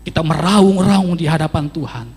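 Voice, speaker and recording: A man's voice: on the high side, steady tone, normal speed, darkish tone, slightly rough, in a large hall. A man pastor preaching a sermon emphatically, with sweeping rises and drops and repeated phrases for emphasis.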